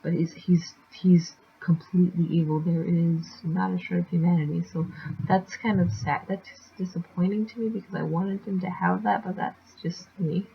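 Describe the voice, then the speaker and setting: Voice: mid-range voice, fairly even intonation, moderate pace, vocal fry, highs cut off, a little hiss or hum. A speaker casually recapping a comic chapter in a rambling way, with lots of fillers and restarts. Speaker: manga chapter reviewer.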